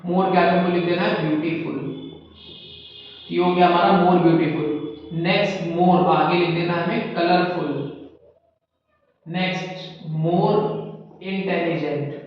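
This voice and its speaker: A male English teacher explaining grammar to students in a classroom, calling them "beta" and repeating words slowly. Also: high voice, steady tone, a little hiss or hum. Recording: echoey room, distant mic, dull sound.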